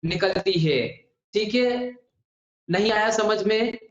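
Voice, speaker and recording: A man's voice: high-pitched, slow. A male teacher giving an exam-prep grammar lesson, asking his students questions and answering them himself, and addressing them fondly. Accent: Hindi heartland. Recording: dull echoey classroom audio.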